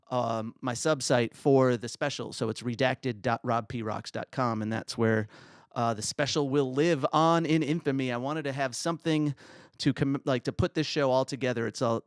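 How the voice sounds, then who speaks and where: A middle-aged man with a raspy voice who hosts his own livestream, chatting casually and rambling in a self-deprecating way. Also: mid-range voice, no room sound, clean studio sound.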